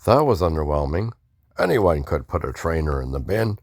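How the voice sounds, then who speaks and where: A man's voice: extremely low pitch, big pitch swings, normal speed, no room sound, studio quality. A man casually talking through a video game playthrough, mumbling offhand asides and restarting words. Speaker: gamer doing a playthrough. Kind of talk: casual gameplay commentary.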